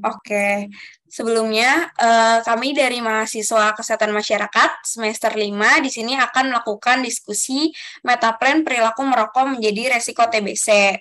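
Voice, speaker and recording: Over a video call, a young adult woman facilitates an online group discussion, politely reading out the rules one by one with soft fillers. Her fairly high voice holds a steady tone at a moderate pace.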